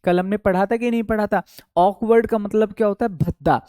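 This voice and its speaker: Male tutor for an online exam-prep class, warm mellow tone, dry close sound, answers his own questions and stretches key words slowly. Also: high voice, fairly even intonation, clean tone, no room sound. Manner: asks questions and answers them himself, drawing out key words; repeats words slowly for memory. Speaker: English vocabulary teacher.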